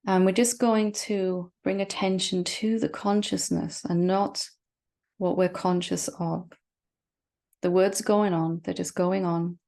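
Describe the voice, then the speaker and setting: A woman with a somewhat low voice and vocal fry leads a guided meditation, her intonation fairly even. As a spiritual teacher, she soothes and reassures, leaving long, unhurried pauses.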